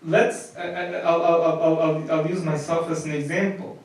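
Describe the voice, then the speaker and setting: A priest from the U.S. with a fairly high voice speaks about marriage in a plain, conversational manner, at normal speed and with a level tone. He restarts and repeats words as he goes. The mic is distant, and his voice echoes heavily around the room.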